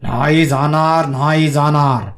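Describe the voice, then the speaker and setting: A man voicing a stubborn, sulky male ghost in a storybook, refusing slowly and flatly. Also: medium pitch, faint music behind, lightly acted. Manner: slow, flat, obstinate refusals.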